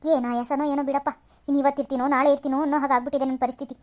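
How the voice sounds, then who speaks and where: A woman's voice: high voice, flat delivery, very fast, lightly acted. Woman doing a nagging old mother-in-law. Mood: self-pitying. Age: older. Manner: scolding, complaining, dramatic sighs. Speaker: cartoon voice actor. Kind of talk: cartoon serial acting.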